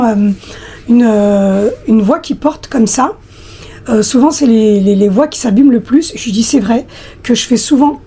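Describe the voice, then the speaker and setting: A woman in her thirties talks to her followers in a relaxed, chatty vlog, her husky voice a little hoarse from a recent flu. She sits slightly high for a woman and sounds soft and mellow. She often hesitates and reaches for the next word. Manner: hesitant, many fillers, talks directly to viewers. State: hoarse after flu, coughing. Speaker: lifestyle vlogger. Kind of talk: casual chatty storytelling.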